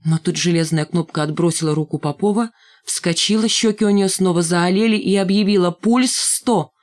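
A woman reads a story aloud in a measured, steady narration. Her voice sits somewhat low for a woman, and she keeps an even storytelling manner throughout. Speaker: audiobook reader. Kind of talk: scripted narration.

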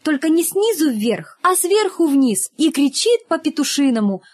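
A woman narrating a humorous children's story in a lively, playful storytelling manner. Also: sits high, normal speed. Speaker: audiobook reader.

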